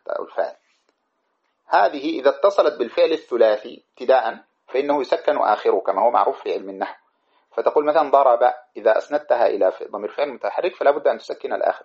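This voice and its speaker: A man teaching a lesson on a grammar poem, reciting verses and then explaining them with many examples. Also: mid-range voice. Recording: dull lo-fi recording.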